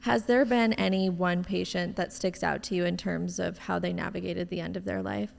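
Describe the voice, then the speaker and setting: Very creaky-voiced woman interviewer. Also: on the low side, fairly even intonation, moderate pace, in a large hall. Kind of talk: conversational interview.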